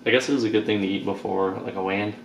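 A man's voice: fairly low pitch, steady tone, very fast, creaky, dull audio, a little hiss or hum. A young man in his twenties vlogging casually to camera, chatty and joking with loose rambling talk. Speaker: vlogger and powerlifter.

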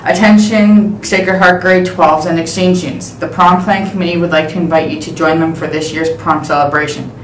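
A woman's voice: fairly low pitch, slight background noise. Woman reading announcements over school intercom. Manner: steady, measured reading aloud. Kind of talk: reading morning announcements and prayer. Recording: echoey, distant intercom sound with faint ambience.

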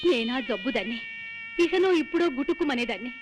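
A woman's voice: a little high, expressive, quick pace, background noise, natural voice. An actress playing a frail, worried mother who pleads and chides in a film scene. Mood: pleading. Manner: pleading, chiding motherly talk. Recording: film soundtrack with music.

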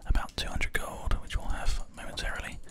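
With keyboard and mouse clicks in the background, a gamer hosting ASMR content talks through his play in a gentle, calming whisper. His breathy voice stays very close to the binaural mic, and his pace is unhurried.

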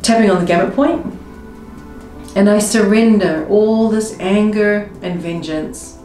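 Woman leading a slow tapping script. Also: mid-range voice, mellow. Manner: slow, repetitive, emotive affirmations. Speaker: tapping coach. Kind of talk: guided tapping script spoken in first person. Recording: roomy with faint music behind.

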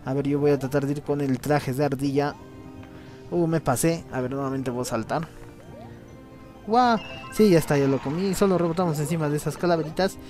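A man doing casual let's play commentary, chatty and cheering on his co-player with quick exclamations. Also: a little high, darkish tone, faint music behind.

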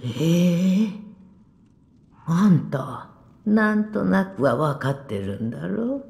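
A woman voicing a weary, blunt but kindly old village woman in a game cutscene, speaking gruffly and unhurriedly with soft whispered asides. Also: fairly low pitch, big pitch swings, slow, full character voice.

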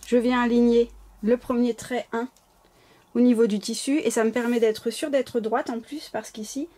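A woman's voice: fairly high pitch, steady tone, moderate pace, warm tone. A woman with a slight lisp giving informal, apologetic, step-by-step craft instructions as a tutorial host. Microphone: camera placed close over the work table.

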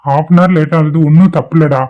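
A man voicing a supportive young colleague in a cartoon who calms his friend down. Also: a little high, normal speed, lightly acted. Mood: reassuring. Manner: calming, supportive. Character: reassuring young office colleague. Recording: dull lo-fi cartoon audio.

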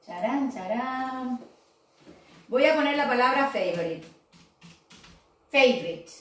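Female English teacher, high voice, patient step-by-step explainer; distant, roomy echo. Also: expressive, a little slow. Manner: explains step by step, often checks with "¿sí?". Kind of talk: recorded online class for young pupils. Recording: very echoey room, voice far from the mic.

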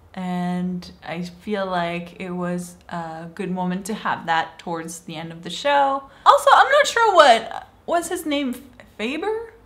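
In a small room, a young Swiss woman enthusiastically reviews a TV show in a casual way, often playfully acting out lines from it. Her voice is medium in pitch and a bit bright.

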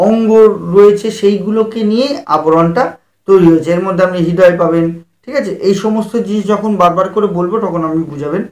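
High-voiced man teaching puja rites. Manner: explanatory, often checks understanding; recites Sanskrit mantras slowly, drawn out. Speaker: puja ritual instructor. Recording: roomy echo.

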